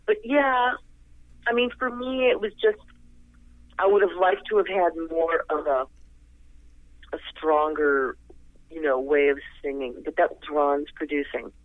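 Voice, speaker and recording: This older woman, a singer being interviewed by phone, speaks at a measured pace in a low voice with long pauses. The telephone line is tinny and dry with no room sound, and she rambles effusively with many laughs.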